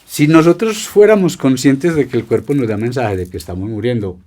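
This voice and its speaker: Middle-aged doctor, mellow dark voice, unhurried storyteller. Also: male voice, medium pitch. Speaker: palliative care doctor, podcast guest. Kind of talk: reflective conversation and storytelling.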